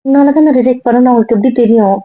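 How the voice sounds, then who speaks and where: A woman's voice: a little high, very fast, dry recording, muffled recording, natural voice. A young woman playing a hurt young girlfriend who questions and reproaches, in a web drama.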